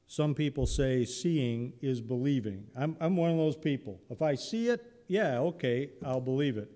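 A man's voice: mid-range voice, animated, normal speed, mellow. A male pastor preaching a sermon in a church, telling Bible stories in a conversational, humorous way. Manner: conversational, humorous storytelling with acted-out voices. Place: church sanctuary. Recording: long church reverb.

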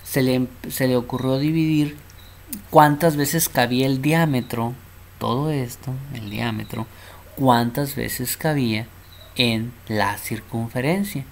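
A man's voice: medium pitch, takes it slowly, creaky, slight background noise. A man teaching math in a casual way, often checking in with the class and repeating himself. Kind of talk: informal math lesson at a board.

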